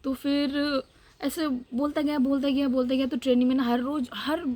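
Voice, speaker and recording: A woman's voice: high voice, flat delivery, normal speed, darkish tone, no room sound. A young woman from Northeast India with a Northeast Indian Hindi accent, telling a personal story in a vlog, heated and repeating words for emphasis. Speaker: vlogger.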